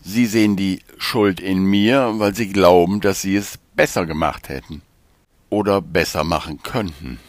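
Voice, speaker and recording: A man reading Ogun, a slow, calm spiritual guide. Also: sits low, dry recording. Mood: calm explaining. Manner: slow, measured, gently explaining.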